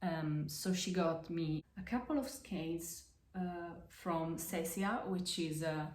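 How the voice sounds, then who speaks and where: Slowly and with many fillers and restarts, an Italian-accented podcast host walks through her knitting in a casual crafts show-and-tell. Her voice is a bit low and slightly mellow, heard in an echoey room with a faint hiss or hum.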